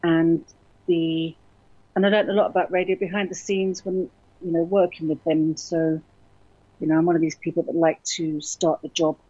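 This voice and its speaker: A middle-aged woman talks in a chatty, rambling way, her voice husky and a little low. The sound is dry and close but slightly muffled. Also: level tone, moderate pace, mellow, no room sound. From born in Berlin, grew up in London. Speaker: radio station founder, guest. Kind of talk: casual interview talk.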